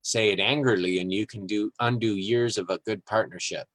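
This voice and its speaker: A man hosting a podcast in a relaxed, rambling way, reading passages aloud and chatting about them with fillers and small chuckles. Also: on the low side, normal speed, dry recording, poor audio. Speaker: podcast host. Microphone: live-streamed podcast mic.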